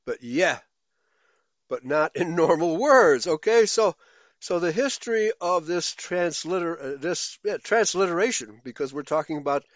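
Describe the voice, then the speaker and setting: A man's voice: mid-range voice, no echo, muffled recording. A man reading out forum comments and adding his own remarks, thinking aloud as he goes. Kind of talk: casual read-aloud commentary.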